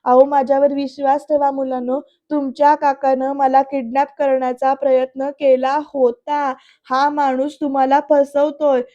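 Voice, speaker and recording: An earnest young wife from a TV serial pleads with her family to believe her, as a woman narrator reads her lines. The delivery is slow and high-pitched with a flat melody. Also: muffled recording, natural voice. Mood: pleading. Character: young woman defending herself in a family quarrel.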